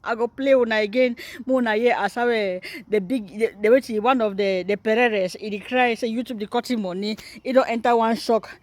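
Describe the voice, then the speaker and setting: A woman's voice: fairly high pitch, brisk, few pauses, dry recording. Teasing Nigerian woman vlogger, dry sound. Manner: teasing, mocking. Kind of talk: casual commentary in Pidgin.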